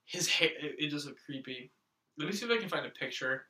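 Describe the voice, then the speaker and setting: A man's voice: fairly high pitch, animated, a little fast, bright, forceful tone, roomy sound, recorded from a distance. A man hosting a casual comedic podcast chat, crude and swearing freely. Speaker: podcast host.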